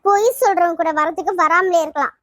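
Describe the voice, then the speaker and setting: A woman's voice: very high voice, brisk, a bit bright, no room sound, studio quality. A woman voicing a hurt, suspicious young woman who insistently questions her lover in a cartoon. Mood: accusing. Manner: accusing, insistent. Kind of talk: cartoon voice acting.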